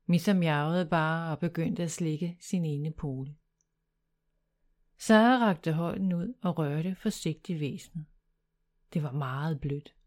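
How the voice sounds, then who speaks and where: A woman reading a children's bedtime story aloud in a calm, even storytelling manner. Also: low-pitched.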